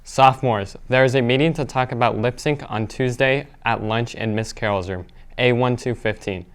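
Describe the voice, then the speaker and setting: A man's voice: medium pitch, normal speed, smooth. A teenage boy anchoring a student newscast, reading school announcements steadily with small slips. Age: teens. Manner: steady read-aloud delivery with small slips. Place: school studio.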